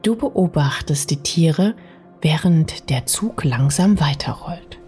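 A woman narrates a bedtime sleep story in a soft, soothing, partly whispery way, speaking intimately to the listener. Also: deep voice, lively intonation, slow pace. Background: music.

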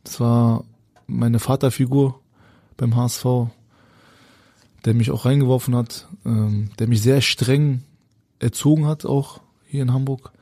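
Husky, dark-voiced former footballer, casual. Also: male voice, mid-range voice, fairly even intonation, measured pace, no room sound, clean studio sound. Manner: colloquial, loose, searching for words. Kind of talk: casual anecdotal storytelling.

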